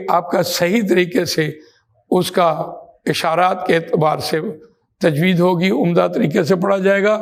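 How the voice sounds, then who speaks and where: A man teaching how to read the Quran, explaining terms step by step and slowing down to recite verses. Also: high-pitched, creaky. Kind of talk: religious lesson.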